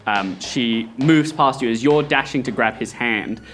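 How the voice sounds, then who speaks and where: A man running a tabletop role-playing game, narrating scenes in a loose, rambling, amused way. His voice sits in an ordinary middle pitch, with faint music somewhere in the background. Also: a little slow, fairly bright tone. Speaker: game director.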